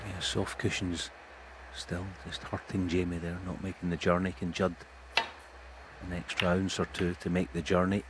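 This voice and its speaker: Low-voiced male snooker co-commentator. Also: level tone, unhurried, background noise. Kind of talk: analytical sports commentary, conversational.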